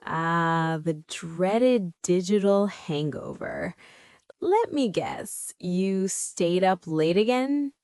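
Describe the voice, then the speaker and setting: A woman English teacher hosts a scripted lesson dialogue, encouraging her student and spelling out new words. Her delivery is unhurried and melodic, with wide swings in pitch. The sound is close and dry. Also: animated, darkish tone, smooth, no echo.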